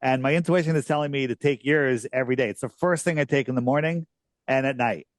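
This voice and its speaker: A man's voice: mid-range voice, no room sound, studio quality. A man in his sixties hosting a podcast in casual, emphatic conversation. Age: 60s. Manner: emphatic and conversational, drawn-out stresses. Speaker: podcast host.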